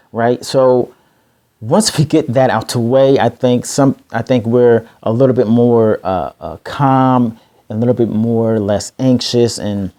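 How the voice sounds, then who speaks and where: A middle-aged man talks casually to the camera in a slow, unhurried way, often pausing, repeating himself and restarting sentences. His voice is mellow and darkly colored. He sounds patient and reflective as he works through each thought. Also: medium pitch. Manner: slow, halting and repetitive, with fillers and self-corrections. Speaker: vlogger sharing stuttering tips.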